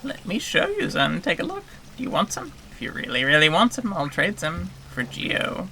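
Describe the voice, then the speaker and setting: A streamer voicing a greedy, suspicious bug creature that sniffs out visitors and haggles for currency in a high, wheedling voice. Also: huge pitch swings, normal speed, bright, forceful tone, a little hiss or hum, full character voice. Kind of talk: game streamer voicing a character.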